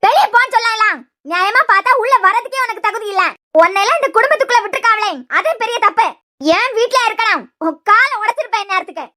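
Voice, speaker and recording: A woman playing a shrill, scornful scolding aunt. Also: quick pace. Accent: Kanyakumari Tamil. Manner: shouting, scornful. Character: fierce middle-aged aunt, scolding and domineering. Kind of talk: cartoon voice acting.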